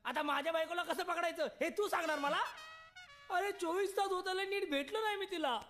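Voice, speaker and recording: A playful, pleading young husband. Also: male voice, extremely high pitch, brisk, bright, forceful tone. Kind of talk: film comedy acting. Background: film score music.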